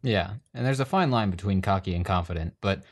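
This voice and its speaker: Laid back guy on a podcast, lowish voice, lots of yeahs. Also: a little fast. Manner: easygoing, chimes in with short agreements. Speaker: podcast co-host. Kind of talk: casual podcast chat.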